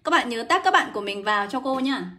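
A young woman runs a live English lesson. Her voice is bright and a little high, and she talks in a brisk, coaxing way. She keeps calling out to her viewers by name as she goes. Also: animated. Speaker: English teacher. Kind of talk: livestream lesson.

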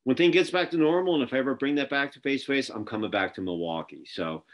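This middle-aged interview host speaks at a quick pace in a medium-pitched voice, telling stories loaded with fillers and restarts. The casual chat is a video call captured on his webcam, from an indoor office with a printed backdrop.

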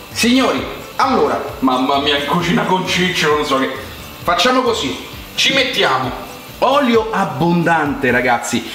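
A man's voice: a little high, fairly bright tone. A young man with a Roman Italian accent chatting colloquially to viewers as he hosts a casual cooking demonstration. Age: young adult. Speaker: cooking vlog host. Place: home kitchen, indoors. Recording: echoey room sound.

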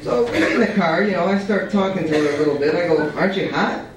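Reading his writing aloud in a dim little cafe, the young writer sounds high-pitched, animated and quick, swearing freely in casual language. A far-off camera picks up the stand mic, echo and crowd chatter included.

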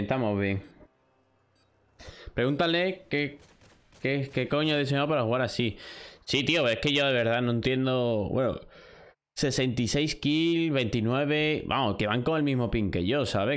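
A man's voice: medium pitch, moderate pace, smooth. A young man from Spain streaming a shooter live, talking to himself and his chat and swearing at his losses. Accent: Spain Spanish. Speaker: gaming streamer. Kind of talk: live gameplay commentary.

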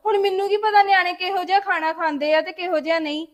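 Actress as a resentful young daughter-in-law, very high and dry-sounding, talks back defensively. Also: female voice, level tone, fast, dry recording. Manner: complaining, defensive back-talk. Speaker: daughter-in-law in a family drama. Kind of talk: web series family drama acting.

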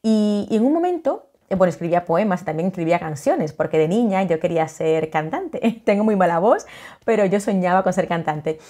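A middle-aged woman from the Dominican Republic, an author who talks warmly and chattily into a webcam at home, with many fillers and restarts. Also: lowish voice, animated, a little fast. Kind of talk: casual video greeting. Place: home living room, indoors.

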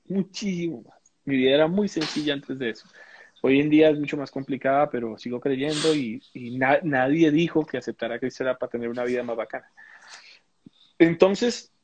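A man's voice: mid-range voice, a little fast, darkish tone, slight background noise, poor audio. A man gives a personal testimony in a live interview. He talks reflectively, searching for words and often restarting. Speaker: interview guest.

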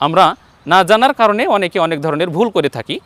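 High-voiced man teaching slow pronunciation. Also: lively intonation, a bit bright. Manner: patient, repeats letters slowly for viewers to copy. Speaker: Quran teacher. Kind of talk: online letter-by-letter pronunciation lesson.

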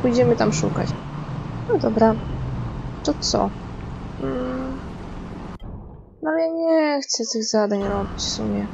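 A woman's voice: on the high side, slow pace, gravelly, pauses often, lo-fi sound, noisy background. A woman casually commenting while playing a game, talking to herself and swearing and yelping when scared. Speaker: gaming streamer. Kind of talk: casual let's-play commentary.

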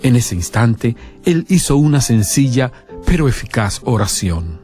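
A man's voice: medium pitch, very animated, a little slow, mellow. Male doc narrator, scripted, dramatic pacing, music under. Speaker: documentary narrator.

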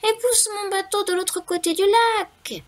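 A woman voicing a tiny excited boy mouse with a squeaky, shrill voice, calling out urgently. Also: a little slow.

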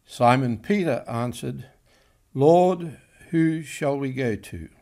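A man's voice: medium pitch, slow pace, dark tone. An older man, a clergyman, solemnly reading scripture aloud at a chapel lectern. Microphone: gooseneck lectern microphone.

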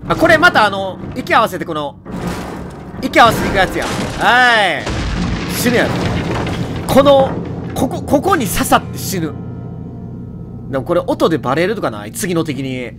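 A man with a Kansai accent giving jokey, animated running commentary on a horror game and talking to its characters. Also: high-pitched, normal speed, pauses often, over music. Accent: Kansai Japanese. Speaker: let's play host.

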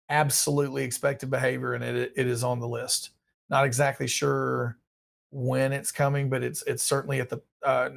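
A man in his thirties hosts a casual live Q&A stream from a small, dim indoor room, reading viewers' questions and answering in a rambling, offhand way. His mid-range voice is creaky and partly worn out.

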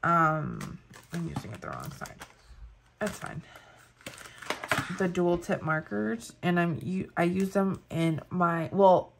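With a fairly low, gravelly voice and slight background noise, this Spanish-accented planner vlogger in her thirties talks casually at an indoor table, an overhead camera on her hands. She raves about planner products, using lots of fillers.

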